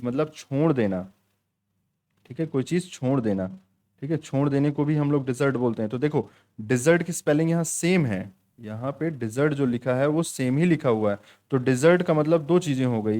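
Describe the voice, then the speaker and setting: Man teaching with a mellow voice. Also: mid-range voice. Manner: explains in Hindi, reads English quiz lines slowly; repeats "ठीक है" often. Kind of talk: exam-prep lesson.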